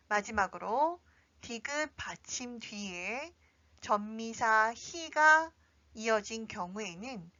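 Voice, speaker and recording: Slow, deliberate woman teaching pronunciation. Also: a little high, pushed and bright, dry recording. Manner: slow, deliberate, drawing out example words. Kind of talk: slow scripted pronunciation lesson. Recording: dry, slightly dull recording.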